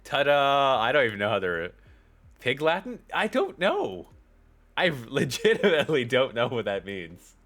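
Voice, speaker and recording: A man's voice: medium pitch, huge pitch swings, normal speed, fairly bright tone. A man streaming himself reading fan fiction aloud, often breaking off for joking, mocking asides.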